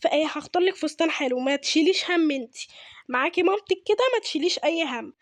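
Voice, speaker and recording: A woman's voice: high voice, very fast, close to an everyday voice. Woman doing a soothing Egyptian mom. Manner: soothing, reassuring, repeats herself. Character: caring fussy mother, adult woman.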